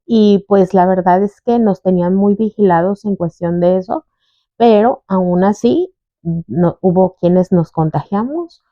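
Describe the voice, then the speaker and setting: A young adult woman with a lowish voice gives her testimony as an interview guest, conversational and animated, acting out quoted voices. The audio is lo-fi with no echo.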